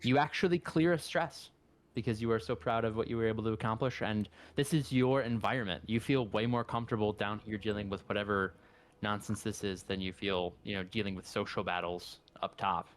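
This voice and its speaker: Low voiced guy game mastering a tabletop rpg, casual narration. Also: steady tone, a little fast.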